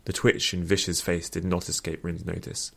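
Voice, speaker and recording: A man narrating a fiction story aloud in a steady storytelling manner. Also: sits low, moderate pace, gravelly.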